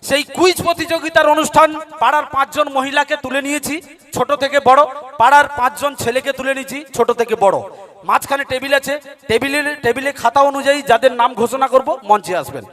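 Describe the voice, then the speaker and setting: A male stand-up comedian rattles through comic stories in an animated way. His voice sits very high and he talks fast. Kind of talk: comic storytelling.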